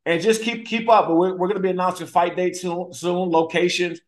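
A man guesting on a talk show as an athlete and entrepreneur, talking in a relaxed, rambling way. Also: sits high, fairly quick. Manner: relaxed, rambling, says "man" and "you know". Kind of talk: casual interview chat.

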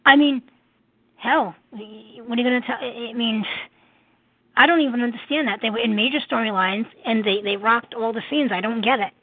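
A woman's voice: a little high, normal speed, breathy edge. Blunt woman co-host on a phone line. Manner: blunt, outspoken. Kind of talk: casual call-in chat.

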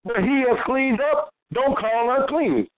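A man's voice: very high-pitched, measured pace, narrow, tinny audio. A man co-hosting a Bible study who keeps jumping in with affirmations and questions. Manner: interjects often with affirmations and questions. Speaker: co-host of a Bible show. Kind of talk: call-and-response Bible study.

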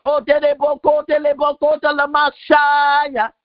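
A woman minister leading a prophetic prayer, praying in tongues and proclaiming decrees in a chanting, repetitive way with frequent shouted bursts. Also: sits high, completely flat delivery, unhurried, no echo. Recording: dull lo-fi recording.

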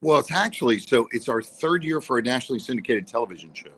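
A man's voice: medium pitch, expressive, fast talker, a bit bright, breathy edge, low-quality recording. A man, a singer, guesting on a radio show and telling stories about his career with light jokes. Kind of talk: casual interview.

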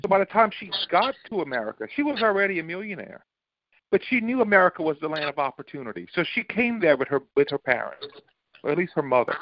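A man's voice: high-pitched, big pitch swings, fast talker, no echo. A man on a political talk panel who argues emphatically and often restarts his sentences. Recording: dull lo-fi dry recording.

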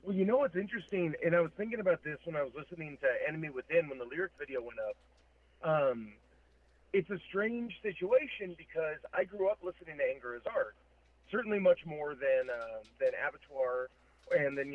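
Phone-like, higher-voiced man chatting. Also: expressive, brisk, dry recording. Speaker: metal band vocalist, interview guest. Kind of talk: casual interview chat. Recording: thin, phone-like call audio.

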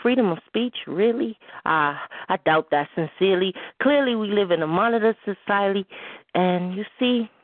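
A woman co-host performing a spoken-word poem with a measured, rhythmic delivery and hushed emphasis. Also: mid-range voice, no room sound. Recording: phone-line sound with faint noise.

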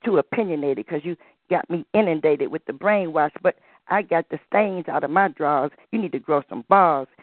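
A woman's voice: low voice, brisk, dry recording. A woman calling in to a show and performing, with a theatrical, campy, queenly manner. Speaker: caller and spoken-word performer. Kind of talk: phone-in chat and spoken-word performance. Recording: muffled dry phone-line audio.

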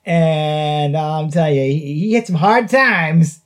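A man's voice: a little high, takes it slowly. A man hosting a podcast, reviewing a show in casual chat and chuckling often between phrases. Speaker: podcast host. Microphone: podcast mic.

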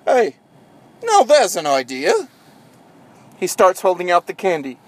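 A man voicing an eccentric male time traveller who speaks in a mild, whimsical, softly amused way. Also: sits high, big pitch swings, a little slow. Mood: playful.

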